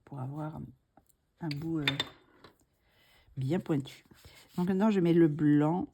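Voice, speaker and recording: A middle-aged woman narrating a coloring tutorial, slow and soft-spoken, thinking aloud and often dropping to a whisper. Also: low voice, slight background noise.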